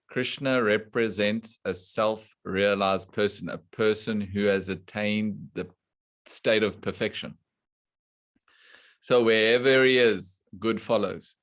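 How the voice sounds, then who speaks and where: Slow, deliberate male scripture teacher. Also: lowish voice. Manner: slow and deliberate, quizzing the class. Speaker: spiritual teacher. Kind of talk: scripture class lecture. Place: online class with remote students.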